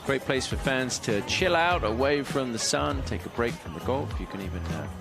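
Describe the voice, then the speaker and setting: A man's voice: mid-range voice, animated, moderate pace, gravelly, music in the background. A man anchoring live golf commentary, reporting scores and statistics as a broadcaster.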